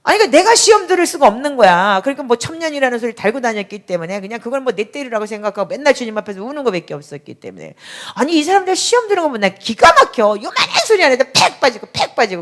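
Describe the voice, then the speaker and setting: A middle-aged woman pastor giving a sermon in a conversational, emphatic way, with sudden loud outbursts. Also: on the high side, very animated, quick pace.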